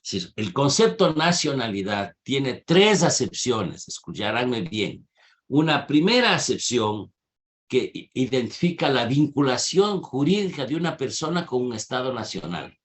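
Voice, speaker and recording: A man's voice: medium pitch, big pitch swings, measured pace, a little hiss or hum. Didactic man lecturing in an online class. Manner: questioning, didactic, challenges students' answers. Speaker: university lecturer. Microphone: video call.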